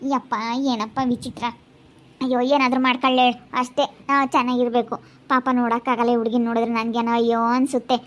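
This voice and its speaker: A woman's voice: a little high, level tone, fairly quick, dull audio, natural voice. A woman playing a chatty, sympathetic neighbor lady who tut-tuts over the young wife. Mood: sympathetic gossip. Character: gossipy sympathetic woman neighbor, middle-aged.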